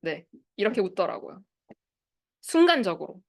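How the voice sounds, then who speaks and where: A woman in her thirties, a speech therapist leading a study group, gives an online lecture to parents and teachers, explaining things, asking the audience questions and acting out quoted phrases. Her medium-pitched voice is very animated and moves at a normal speed. The recording is studio quality with no echo.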